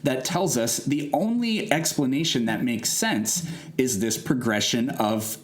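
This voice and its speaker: A man's voice: mid-range voice, a little slow. Explanatory man debating in a mid-range voice. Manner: reasoning, pedantic, poses rhetorical questions. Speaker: debater defending evolution.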